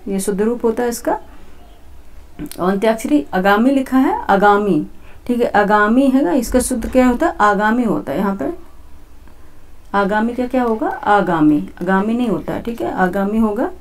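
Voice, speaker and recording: Her voice runs on the high side with a darkish tone as she walks students through exam questions step by step. Repetitive by habit, this woman teacher keeps saying "theek hai," meaning okay, throughout the exam-prep session.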